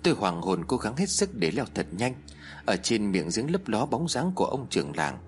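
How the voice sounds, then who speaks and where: A man narrating a horror story, voicing the shouts and pleas of its characters in a dramatic storytelling manner. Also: very animated, moderate pace. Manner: acts out the characters' shouts and pleas with raised pitch.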